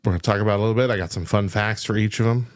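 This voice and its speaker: A man's voice: on the low side, fairly even intonation, very fast. A man hosting a casual podcast, laughing often and rambling through loose asides. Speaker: podcast host.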